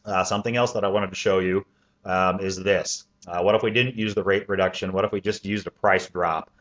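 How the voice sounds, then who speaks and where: A man working as a mortgage loan officer, giving a sales pitch that walks through a financing plan step by step, with frequent "uh" and "um" fillers. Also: steady tone, a little fast, fairly bright tone. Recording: dull lo-fi recording.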